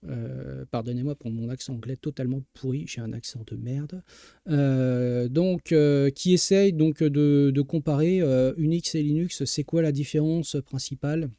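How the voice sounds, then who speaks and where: Dark-voiced man hosting a hesitant tech chat. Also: medium pitch, fairly even intonation, normal speed, creaky, no room sound, clean studio sound. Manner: hesitant, heavy filler sounds, restarts; reads and greets viewer chat. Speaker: tech live-stream host. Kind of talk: casual tech news chat.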